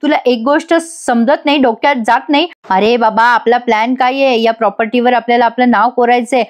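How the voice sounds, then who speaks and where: Scheming mother voiced by a woman, scolding, harsh, fairly high. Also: fairly even intonation, a little fast, lightly acted.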